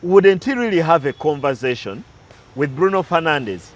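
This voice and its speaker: A man's voice: on the high side, expressive, normal speed. A man talking through recent football matches as a pundit, analytical and prone to side stories, with some restarts. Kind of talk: casual sports talk.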